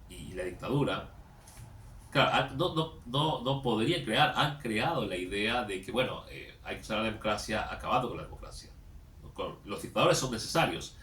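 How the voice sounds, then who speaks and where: Man, tired, low voice, conversational with tag questions, echoey room, faint noise. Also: fairly bright tone, far from the mic. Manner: conversational, tags phrases with "¿no?", repeats words. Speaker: host of a commentary channel. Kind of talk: casual political commentary and reading a news article.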